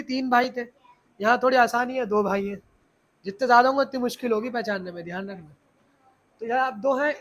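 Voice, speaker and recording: A man's voice: very high voice, fairly bright tone. A male teacher explaining Arabic letters to a class of children, often asking them questions and repeating key points.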